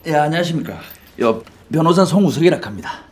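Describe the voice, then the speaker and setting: A man's voice: fairly high pitch, animated, fast, slightly rough. An actor with a Gyeongsang accent playing a brash, stubborn self-made male lawyer in a film scene. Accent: Gyeongsang dialect.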